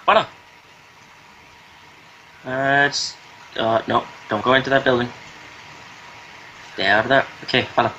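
A man's voice: medium pitch, fairly even intonation, measured pace, pauses often, bright, forceful tone, muffled recording, slight background noise. A young man playing a game with a friend, joking around and bossing the moves. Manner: joking, bossy with directions. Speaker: co-player. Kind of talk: casual let's-play chat.

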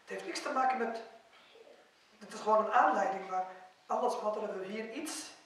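High-voiced preacher in an echoey mosque hall. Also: male voice, fast. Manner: storytelling, voicing quoted figures with swings in loudness. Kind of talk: mosque lecture. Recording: very echoey hall, distant mic.

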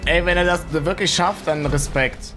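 A young man in his twenties gives informal, puzzled comments on gaming clips. His voice is a little high, picked up on a close mic with clear music in the background. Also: steady tone, normal speed. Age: 20s. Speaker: reaction video co-host. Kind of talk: casual gaming reaction chat. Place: small indoor room. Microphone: close boom-arm studio microphone.

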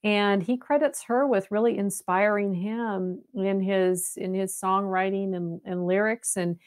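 A woman's voice: mid-range voice, fairly even intonation, unhurried. A woman from the US West Coast, a paranormal investigator, talking casually as a podcast guest, enthusiastic and often repeating words as she thinks. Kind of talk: casual interview talk.

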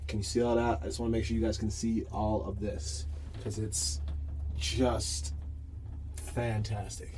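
A young travel vlogger films himself with a selfie stick camera outdoors on a mountain, narrating casually and whooping excitedly as he rides up in a cable car and then paraglides. His lowish voice is unhurried, with slight background noise.

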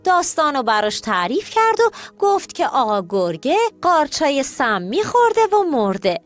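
A woman narrating children's stories in a scripted, animated way, talking directly to the kids. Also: high voice, dry recording. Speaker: storyteller. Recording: soft music bed.

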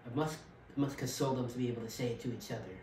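A man performing a dramatic monologue as a grieving widower, bitter and heartbroken, with a measured, quiet, halting delivery. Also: mid-range voice, a little hiss or hum, close to an everyday voice. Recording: roomy echo, from far off.

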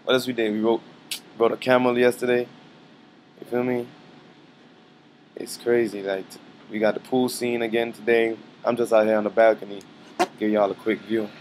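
Laid-back man with a low, flat voice. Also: normal speed, pauses often, a little hiss or hum, poor audio. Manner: laid-back slangy talk, frequent "you feel me". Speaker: musician vlogging from a trip. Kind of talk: casual vlog update. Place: hotel balcony outdoors.

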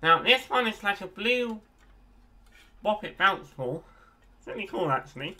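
A man's voice: high-pitched, sing-song, unhurried, pushed and bright. A man casually showing his toy collection to the camera, rambling with frequent ums and asides. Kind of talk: casual show-and-tell.

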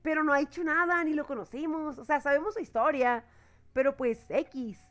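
A woman with a Mexican accent chats through a reaction video in a high, youthful voice. Her talk is slangy and loose, and she keeps stopping to correct herself. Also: moderate pace, fairly bright tone. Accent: Mexican Spanish. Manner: chatty, slangy, self-correcting, laughs often. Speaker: anime reaction youtuber. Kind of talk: casual reaction commentary.

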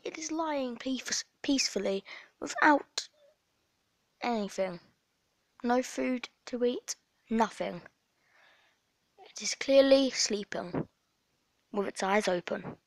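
A woman's voice: fairly high pitch, takes it slowly, creaky, pauses often. Playful woman doing mock nature narration. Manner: playful deadpan documentary parody. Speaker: vlogger narrating her dog. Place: at home indoors.

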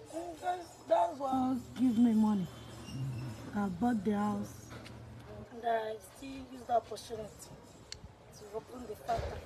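A woman's voice: a little high, measured pace, long pauses, background noise. Hesitant young Nigerian woman. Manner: short, hesitant answers in simple English. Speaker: interviewee. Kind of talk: interview. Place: outdoors at a crowded event, then inside an unfinished building. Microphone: phone held close.

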